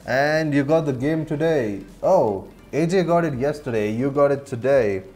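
A man's voice: mid-range voice, expressive, moderate pace, a little mellow, soft background music. A man with an Indian accent chatting casually with viewers as he streams, laughing often and answering chat as he plays. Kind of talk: casual gameplay commentary.

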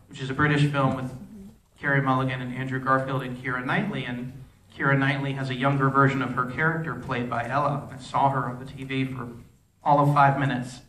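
A film director answering audience questions at a festival Q&A, rambling, restarting sentences and using many fillers. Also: male voice, medium pitch, bright, forceful tone, slight background noise. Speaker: film director at a post-screening Q&A. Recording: echoey hall, voice from far off.

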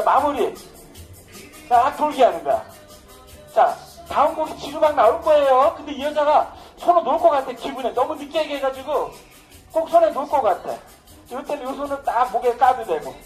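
A man's voice: extremely high pitch, poor audio. Joking man teaching social dance over music. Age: middle-aged. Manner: boastful, joking, casual banter. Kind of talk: dance lesson with live commentary.

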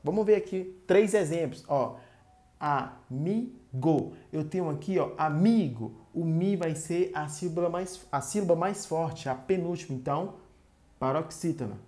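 Low, mellow-voiced Brazilian woman teacher. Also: normal speed. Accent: Brazilian Portuguese. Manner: didactic, drawing out syllables of example words. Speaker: grammar teacher. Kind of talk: short online grammar lesson.

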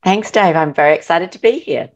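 A woman's voice: lowish voice, animated, a little fast, muffled recording. A woman with an Australian accent, an interview guest who answers in an earnest, thoughtful way with some hesitations. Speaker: surgeon and author, guest.

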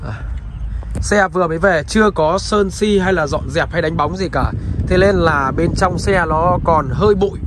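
Outdoors on a roadside, a man with a fairly high voice narrates a used car sales walkaround from beside and inside the car at normal speed. Background noise is present, and his dealer's patter keeps politely addressing the viewers.

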